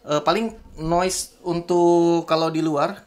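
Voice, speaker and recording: A man's voice: a little high, steady tone, slow, a little mellow. A man with an Indonesian accent, talking casually to camera outdoors while he tests a camera-top microphone aloud. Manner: chatty, testing mic aloud. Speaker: tech reviewer. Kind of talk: casual vlog demo. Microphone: camera-top microphone, turned front and back.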